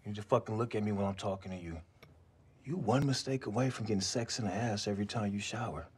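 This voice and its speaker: A man playing an intimidating, streetwise tough cop with a husky, raspy voice and a profane way of talking. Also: fairly low pitch, fast talker, darkish tone. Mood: menacing. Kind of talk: naturalistic film interrogation acting. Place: indoors, lamp-lit hotel suite.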